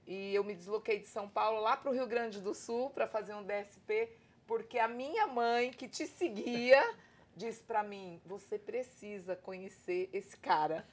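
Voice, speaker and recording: A woman's voice: mid-range voice, a little slow. A Brazilian woman guest on a podcast, speaking earnestly and gratefully in spiritual terms. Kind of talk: heartfelt podcast testimony.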